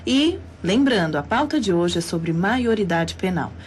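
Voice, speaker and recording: A woman's voice: mid-range voice, lively intonation, a little hiss or hum. A Brazilian woman hosting a live radio interview show, announcing the topic and contact details in an announcer-like way. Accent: Brazilian Portuguese. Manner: announcer-like, reads phone numbers and email slowly. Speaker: radio host. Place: radio studio.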